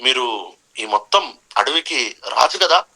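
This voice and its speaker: A man voicing a timid wild boar in a storybook tale, speaking meekly and lower than his usual voice. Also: lively intonation, slow, sharp tone, full character voice, low-quality recording. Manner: meek, deferential.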